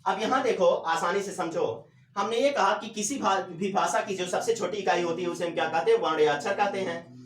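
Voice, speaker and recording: High-voiced male teacher, echoey room. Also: distant mic. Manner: repeats questions and answers them himself; drawls syllables slowly to demonstrate. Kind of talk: classroom lecture.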